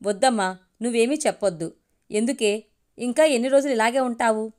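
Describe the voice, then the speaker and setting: A woman's voice: fairly high pitch, brisk, darkish tone, natural voice. A woman voicing a grown daughter who speaks firmly and earnestly in a storybook reading. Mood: defiant. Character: grown daughter, calm, firm, self-reliant.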